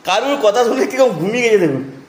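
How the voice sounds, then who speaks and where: A man's voice: high voice, lively intonation, fast talker. A young man with a West Bengal accent, chatting to viewers at home and coaxing his toddler in a sing-song voice. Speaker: family vlogger, father. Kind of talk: casual home vlog narration. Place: at home indoors.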